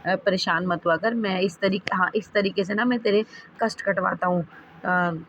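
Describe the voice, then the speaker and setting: A woman's voice: medium pitch, fairly even intonation, normal speed, fairly bright tone, slight background noise. A woman sharing devotional experiences in a rambling way, with many restarts and fillers. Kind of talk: devotional testimony talk.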